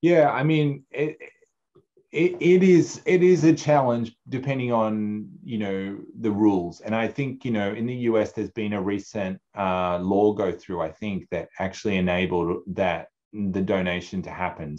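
Low-voiced male guest in his 40s, lively anecdotal delivery, muffled webcam sound. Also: moderate pace. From Australia. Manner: animated, acts out quoted people, many restarts. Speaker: food advocacy director, guest. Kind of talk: casual conversational interview. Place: home office, indoors. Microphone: video call. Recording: dull lo-fi video call audio.

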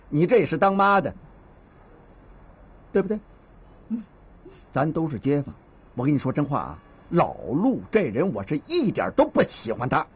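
A seasoned neighborhood police officer in his fifties, speaking with a Beijing accent. His voice is slightly husky and sits a bit high for a man. His pitch swings widely as he scolds, coaxes and lectures feuding neighbors in a TV drama. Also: heavily acted. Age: 50s. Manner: patient, lecturing mediator who scolds and coaxes. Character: seasoned middle-aged male beat cop, stern yet fatherly. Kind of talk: TV drama acting.

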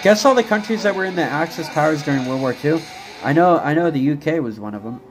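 Over background music, an American man chats live while gaming, rambling and swearing as he answers his viewers. His voice is fairly high, animated and fast, and the recording quality is low.

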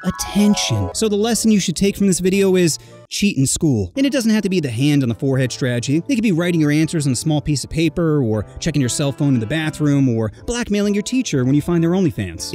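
A young man telling a comic story in a brash, sarcastic way. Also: mellow. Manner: brash, sarcastic, jumping pitch. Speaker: comedy storyteller. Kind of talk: animated comedic storytelling.

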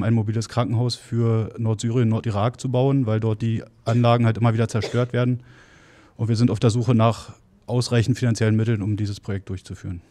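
Man, 30s, dark voice, monotone, matter-of-fact, handheld mic. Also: medium pitch. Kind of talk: workshop self-introduction. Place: bright office meeting room.

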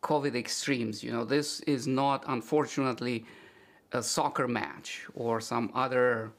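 A man's voice: medium pitch, fairly even intonation, a little slow, gravelly. A man in his forties from Romania, explaining things earnestly at home with wry asides. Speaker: doctor presenting health videos. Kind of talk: explanatory talk over screen share. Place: home room, indoors.

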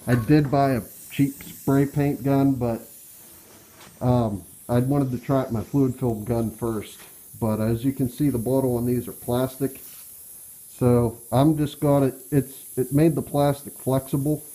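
An American man gives a casual hands-on walkthrough with his voice muffled by a respirator mask. His tone is mellow and mid-pitched. He speaks plainly and haltingly, feeling for his words as he works. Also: steady tone. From Pennsylvania, US. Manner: hesitant, halting, plain-spoken. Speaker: DIY truck restorer. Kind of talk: casual hands-on how-to talk. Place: cluttered workshop, indoors.

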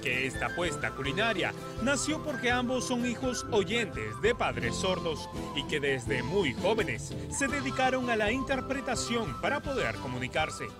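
Animated high-voiced male news narrator. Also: measured pace. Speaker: news reporter. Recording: voice-over with loud background music.

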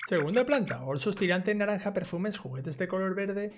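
With lively intonation at normal speed, a high-pitched young man with a Spanish accent narrates a let's play casually, reading in-game dialogue too. He's a gaming YouTuber, video game music plays underneath, and there's slight background noise.

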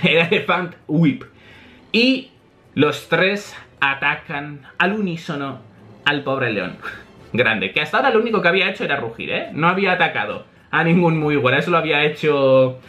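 A man, a manga reaction host talking in a chatty, animated way and laughing often. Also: a little high, fairly quick. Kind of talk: casual reaction commentary.

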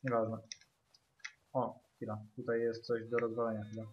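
A man's voice: medium pitch, monotone, moderate pace, highs cut off, noisy background. A man giving casual, muttered, sweary gameplay commentary. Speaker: gamer. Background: game music.

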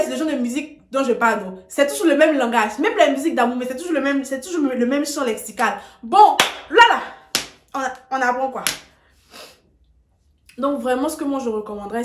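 Woman, casual video lesson, emphatic and direct, fairly high voice, roomy echo. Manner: emphatic, direct, speaks straight to viewers. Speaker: English tutor on video.

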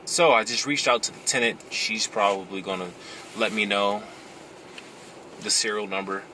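A man's voice: lowish voice, normal speed. Laid-back Chicago man vlogging from his car. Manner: relaxed, chatty, says "finna" and "you know". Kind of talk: casual vlog talk to camera. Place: inside a parked car. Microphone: camera on the dashboard. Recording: car interior with road noise.

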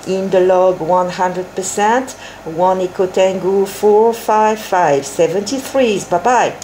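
A woman's voice: mid-range voice, slow pace, noisy background. A woman working as an amateur radio operator, giving phonetic call signs and signal reports and repeating them to confirm. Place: indoors at a desk with radio set.

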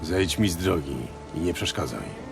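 A world-weary monster hunter in a video game, dry and matter-of-fact. He speaks very low, with clear music behind him. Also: animated, normal speed. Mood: stern.

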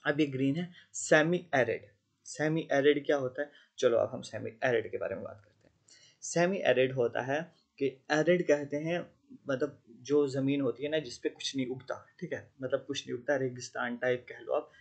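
Man, exam-prep teacher, conversational lecture, mid pitch. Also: creaky, husky. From Jammu and Kashmir. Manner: conversational Hindi teaching with English terms, frequent checking questions.

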